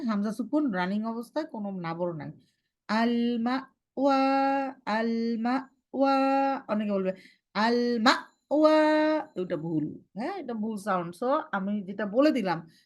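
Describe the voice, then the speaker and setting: A young woman teaching recitation to a class, giving firm instructions and slowly modelling how each sound should be read. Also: mid-range voice, expressive, a little mellow.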